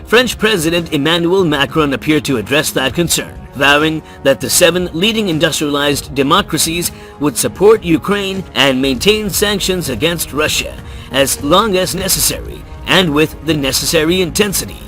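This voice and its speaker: A man reading a scripted news voice-over in an even, measured newsreader manner. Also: fairly high pitch. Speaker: news narrator. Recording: faint music bed behind the voice.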